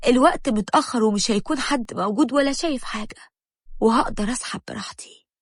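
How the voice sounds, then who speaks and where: Fast-talking Egyptian woman storyteller. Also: fairly high pitch, no echo, studio quality. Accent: Egyptian Arabic. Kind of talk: first-person story narration.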